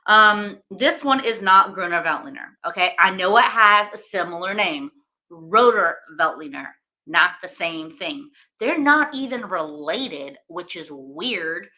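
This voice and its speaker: A woman hosts a casual wine-tasting stream, chatting in a loose, rambling way with plenty of fillers. Her voice sits a little low yet sounds bright and edged. She speaks with easy enthusiasm. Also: animated, measured pace. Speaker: wine-tasting livestream host.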